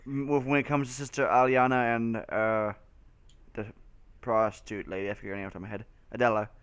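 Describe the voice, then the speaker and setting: Swearing young man gaming with a smooth voice. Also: medium pitch, quick pace. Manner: swears often, laughs, excitable outbursts. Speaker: gamer playing and co-hosting. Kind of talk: casual let's play banter.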